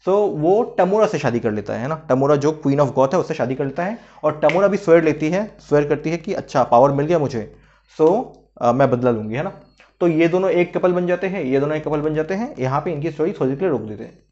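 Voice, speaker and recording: A man with a slightly high voice talks through a story as a relaxed teacher. He keeps checking in with his listeners and restarts when a name slips. The recording sounds dull and lo-fi. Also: fairly quick. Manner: chatty, frequent "hai na" and "theek hai" check-ins; hesitant restarts while recalling names. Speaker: literature teacher. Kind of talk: casual explanatory lesson.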